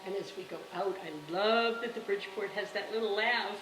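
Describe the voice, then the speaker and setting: A woman's voice: mid-range voice, normal speed. A woman hosting a casual walk-through home tour, gushing with compliments like an estate agent. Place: indoors, walking through a house. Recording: roomy, echoey sound with background noise.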